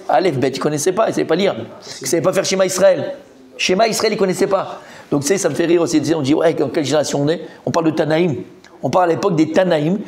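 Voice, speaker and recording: A man, a rabbi, teaching a Talmud class in a lively, repetitive storytelling manner that acts out the characters. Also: a little high.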